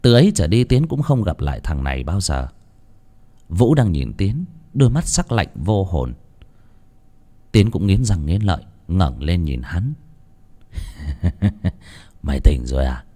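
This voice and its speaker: Male audiobook narrator, low voice, lively dramatic delivery, faint music underneath. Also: a little slow. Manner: expressive, dramatic storytelling. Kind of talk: scripted narration of a serialized novel. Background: faint background music.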